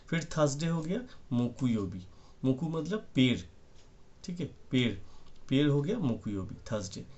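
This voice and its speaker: A man's voice: medium pitch, a little mellow. A man teaching vocabulary in a casual, explanatory way, repeating himself as he writes. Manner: explanatory, repeats "ठीक है" often, mixes in English words. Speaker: Japanese language teacher. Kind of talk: casual spoken lesson, explaining while writing.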